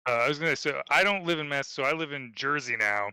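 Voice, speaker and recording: A man's voice: a little high, expressive, fast talker, sharp tone, clear, resonant tone, dry recording, low-quality recording. A man who is a guest on a chat show, laughing often and giving blunt opinions. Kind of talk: casual podcast chat.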